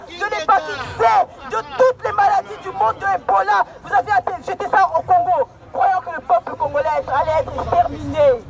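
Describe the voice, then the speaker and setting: Fierce high-voiced woman at a street rally. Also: rough recording. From France. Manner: fierce, declamatory, repeats phrases for emphasis. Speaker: protest speaker. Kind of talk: impassioned outdoor protest speech. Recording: loud crowd at an outdoor street rally. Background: loud crowd, traffic.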